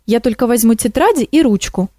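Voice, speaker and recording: A woman voicing a curious, excitable old woman who teaches nature studies, fussing and exclaiming in a storybook reading. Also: fairly high pitch, brisk, dry recording, clean studio sound. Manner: fussy, excitable.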